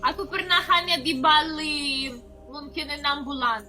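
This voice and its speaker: A woman's voice: sits high, unhurried, pushed and bright. A woman from Russia with a Russian accent chats casually in simple Indonesian as a foreign learner. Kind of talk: casual chat. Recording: music playing behind.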